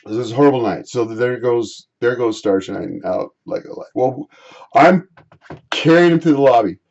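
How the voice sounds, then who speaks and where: A man vlogging, rambling through a personal story in a halting way, often repeating and restarting his phrases. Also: mid-range voice, vocal fry, a little mellow, muffled recording.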